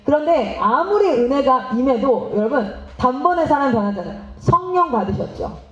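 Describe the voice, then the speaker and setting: Female missionary seminar speaker, very high and lively, engages the audience, roomy hall sound. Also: normal speed. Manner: animated, asks the audience questions and acts out parents and children. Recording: roomy, slightly dull hall recording.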